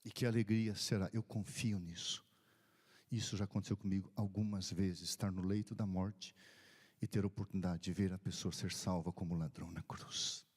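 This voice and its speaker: This pastor's voice is low and husky with a darkish tone, steady and at a moderate pace. Telling a deathbed story in his sermon, he performs the characters' lines, dropping to whispers before surging up in bursts.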